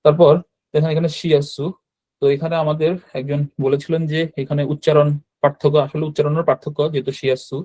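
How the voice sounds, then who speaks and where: A man teaching a language class over a video call, explaining quiz answers with frequent fillers and quick self-corrections. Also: a little high, little pitch movement, a little mellow. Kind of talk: online class lesson.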